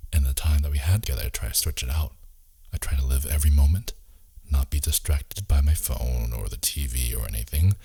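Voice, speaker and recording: Very deep, husky romantic leading man, ASMR role-play. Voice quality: husky, gravelly low murmur slipping into soft voice.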